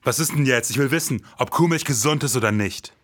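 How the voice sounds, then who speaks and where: A man with a medium-pitched, slightly bright voice hosts and narrates a podcast briskly in scripted noir style, dramatic, brooding and hard-boiled. The sound is clean studio audio with no echo.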